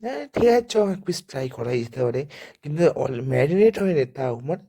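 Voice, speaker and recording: Hoarse young man vlogging casually. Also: fairly high pitch, big pitch swings, quick pace, mellow. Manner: chatty, addresses viewers as guys. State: hoarse from the cold. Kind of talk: casual vlog chat.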